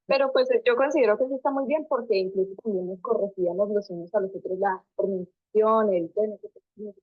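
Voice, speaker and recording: A woman's voice: mid-range voice, brisk, dry recording. Young woman student, mid-range voice, tinny video call line, thoughtful and hesitant. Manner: thoughtful, hesitant with many fillers. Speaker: student interviewee. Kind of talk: interview answers. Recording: tinny phone-like call audio.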